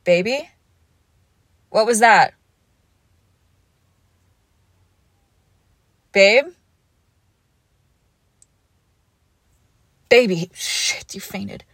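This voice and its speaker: A young woman playing a devoted girlfriend who nurses her sick partner, coaxing and protective, often dropping to a hush. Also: medium pitch, steady tone, unhurried, no echo. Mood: alarmed. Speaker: audio roleplay performer. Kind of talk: audio roleplay addressed to the listener.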